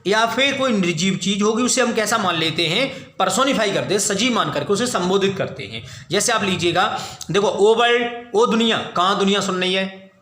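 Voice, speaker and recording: A man's voice: high-pitched, lively intonation, sharp tone. A man teaching an English class, explaining in Hindi, asking and answering his own questions and calling his students "beta". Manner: explains in Hindi, reads English definitions slowly. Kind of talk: classroom lecture. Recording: echoey room.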